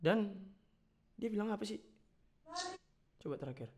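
A man's voice: high voice, lively intonation, mellow, slightly rough. A man reacting playfully to fan voice notes in casual chat. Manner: playful, chatty, quick reactions.

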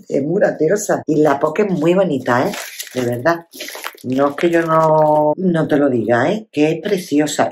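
A woman's voice: deep voice, darkish tone, a little hiss or hum. A woman from Spain chatting casually as she unboxes craft gifts on her scrapbooking channel, exclaiming often and checking in with her viewers. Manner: chatty, exclaiming, lots of tag questions.

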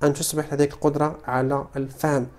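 A man with a Moroccan Arabic accent teaching English vocabulary in Arabic. He explains each word and repeats its pronunciation slowly, several times over. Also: a little high, flat delivery, a little mellow. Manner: slow, repeated model pronunciations of English words. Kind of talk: Arabic-language English lesson.

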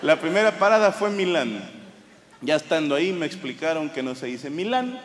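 A man's voice: a little high, moderate pace, a little hiss or hum. A Mexican man with a Mexican Spanish accent telling crude, swear-filled stand-up stories on stage before a laughing audience. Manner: crude, swearing, animated storytelling. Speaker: stand-up comedian. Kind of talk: stand-up comedy set. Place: large theater stage. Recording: live show in a big reverberant hall.

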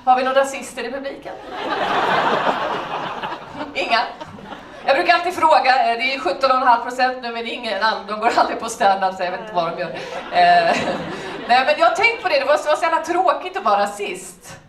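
A woman's voice: high voice, animated. A young adult woman doing a stand-up routine, talking in a wry, conversational way. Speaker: stand-up comedian. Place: comedy club stage. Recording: echoey room from far off with crowd. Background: audience laughter and noise.

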